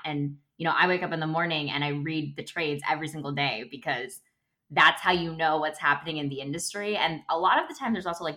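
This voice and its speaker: A woman's voice: low-pitched, pushed and bright. A woman co-hosting a podcast in casual, chatty conversation, full of "like" and "you know". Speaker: podcast co-host. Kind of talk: casual chat.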